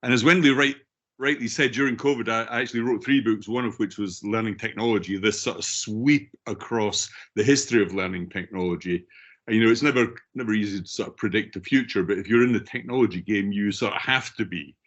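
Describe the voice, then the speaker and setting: A man's voice: on the low side, brisk, fairly bright tone. A middle-aged or older man with a strong Scottish accent giving an informal, emphatic webinar talk as guest speaker. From Scotland. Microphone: online video call. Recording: dull, lo-fi online call audio.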